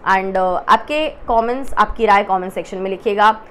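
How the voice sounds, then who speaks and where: A woman casually reviewing a reality-show episode, chatty, mixing English phrases into her talk, often pausing with fillers and speaking straight to her viewers. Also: medium pitch, a bit bright, a little hiss or hum. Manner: chatty, mixes English into Hindi, addresses viewers directly; frequent hesitation fillers. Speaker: entertainment news presenter.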